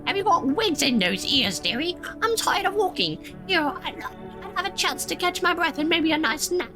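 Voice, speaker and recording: A woman's voice: very high-pitched, very animated, moderate pace, over music. A woman voicing a weary, sly old wandering lady who speaks in folksy riddles with a tired old voice. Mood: wheedling, weary. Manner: folksy, riddling, calls listener dearie.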